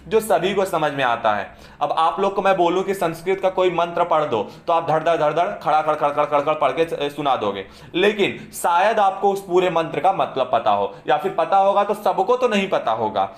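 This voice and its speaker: A man's voice: fairly high pitch, lively intonation, normal speed, roomy sound. A man teaching a class in speech, explaining points and often checking whether the students understand. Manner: keeps asking students "समझे?" to check understanding. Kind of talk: classroom lecture.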